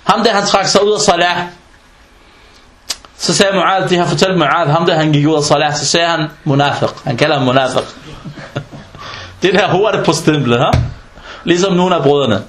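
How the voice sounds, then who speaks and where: High-pitched man preaching in an echoey mosque. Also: long pauses. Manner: animated storytelling with rhetorical questions; mixes in Arabic religious terms. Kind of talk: humorous sermon.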